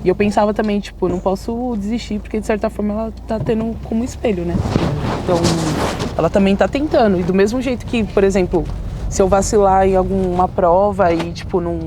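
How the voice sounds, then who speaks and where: A woman's voice: mid-range voice, steady tone, brisk, background noise. A young woman with a São Paulo Brazilian accent, talking casually with slang and lots of fillers. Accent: Brazilian Portuguese, São Paulo. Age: young adult. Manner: slangy, hesitant, many fillers. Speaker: interviewee. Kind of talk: casual chat.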